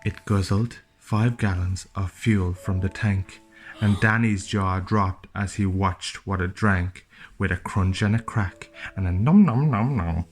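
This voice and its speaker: In a low-pitched, slightly slow voice, a man reads a rhyming storybook aloud the way a father would to his child, adding playful, chatty asides. Plucked guitar music plays behind him.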